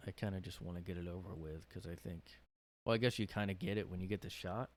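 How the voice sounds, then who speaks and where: Still drained from a cold, this man races through a casual solo podcast recorded in his room. His deep voice holds a steady tone, though his talk is rambling and hesitant, packed with fillers.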